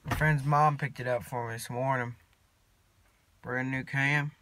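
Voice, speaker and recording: A teenage boy, rambling casually to his phone camera from inside a parked truck, mumbling in a laid-back drawl with long pauses. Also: medium pitch, fairly even intonation, sharp tone. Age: teens. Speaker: vlogger. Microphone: phone camera at arm's length.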